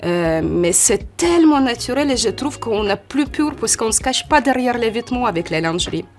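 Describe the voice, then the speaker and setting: A woman in her forties with a Ukrainian accent and a fairly high voice gives interview answers in a halting, searching way, restarting her sentences. She is recorded in a photo studio, with faint music underneath. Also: very animated. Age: 40s. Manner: halting, restarts often, with a strong foreign accent. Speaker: model, interview guest.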